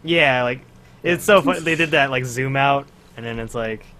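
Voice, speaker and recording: A man's voice: medium pitch, normal speed. A man co-hosting a casual podcast, rambling through stories and acting out quotes as he goes. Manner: rambling, animated retelling with acted-out quotes. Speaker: podcast co-host. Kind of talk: casual chat.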